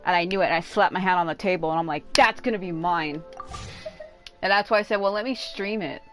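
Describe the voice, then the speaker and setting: A woman with a lowish voice talks briskly while livestreaming a game, game music playing behind her. Her chat is rambling and informal, with some casual swearing.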